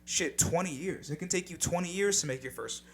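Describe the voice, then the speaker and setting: A young man co-hosts a casual podcast, speaking fairly quickly in a voice on the high side. He sounds laid-back and reflective, swearing now and then, with slight background noise.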